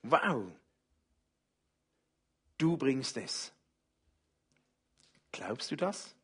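A man preaching a sermon as pastor, speaking slowly and gently and inviting the congregation to worship. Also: mid-range voice, sing-song, breathy edge. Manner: slow, gentle, speaks softly in personal address.

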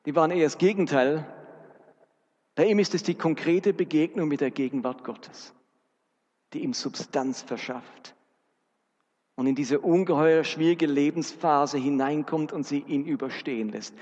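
A man's voice: fairly high pitch, moderate pace, darkish tone. A man preaching a sermon, earnest and speaking directly to his congregation. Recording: dull recording with long hall reverb.

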